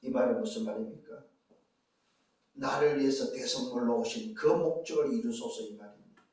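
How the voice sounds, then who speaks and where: A man's voice: medium pitch, moderate pace, darkish tone. A man preaching a sermon as pastor, emphatic and full of rhetorical questions to the congregation. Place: church sanctuary. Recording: echoey church hall, distant mic.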